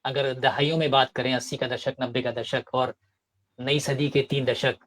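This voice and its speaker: A man interviewing the guest, framing a long question in a measured way with small hesitations. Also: mid-range voice, little pitch movement, a bit bright.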